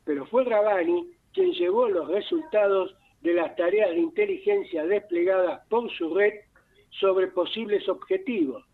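A man with an Argentine accent, a radio columnist reading a formal, dense prepared column in a measured way. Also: high voice, expressive. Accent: Argentine Spanish. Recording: tinny phone line.

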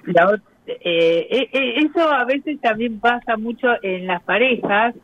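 A woman, a communication specialist explaining her ideas as a guest on a radio interview, pausing often on hesitant fillers. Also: a little high. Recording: tinny phone line.

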